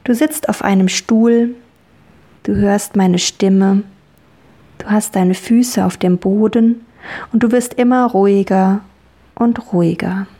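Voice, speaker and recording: A woman guiding children through a relaxing dream journey, speaking calmly and soothingly with gentle repetition. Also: medium pitch. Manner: slow, calm, soothing and repetitive. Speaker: guided relaxation guide for children. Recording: soft music bed. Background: soft music.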